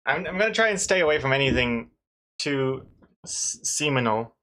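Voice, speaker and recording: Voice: mid-range voice, animated, normal speed, a bit bright. A webcomic artist chatting casually and rambling, thinking aloud in a hesitant way.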